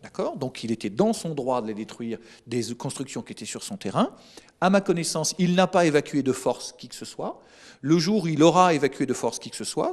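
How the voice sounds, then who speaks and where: A man speaking as a government official, giving measured, procedural explanations in a live panel debate. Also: medium pitch, a little mellow. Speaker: state official from the prefecture. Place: broadcast studio set.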